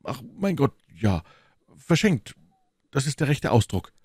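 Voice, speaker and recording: A big, boastful musketeer with a hearty appetite, played by a man reading aloud. He speaks loudly with a raised pitch, cheerful and full of swagger, close and dry. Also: big pitch swings, measured pace, breathy edge, no room sound. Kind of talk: audiobook character reading.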